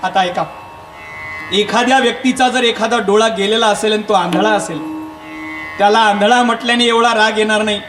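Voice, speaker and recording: A man's voice: high-pitched, steady tone, moderate pace. Man, kirtan preacher, devotional sermon, storytelling, echoey hall, music behind. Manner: storytelling, quizzing the audience. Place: live religious gathering.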